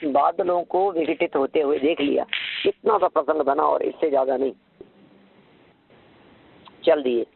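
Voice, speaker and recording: A man giving a devotional discourse, slowly chanting verses and then explaining them in a conversational way, asking listeners rhetorical questions. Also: a little high, steady tone, creaky, phone-quality sound, a little hiss or hum. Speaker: religious lecturer.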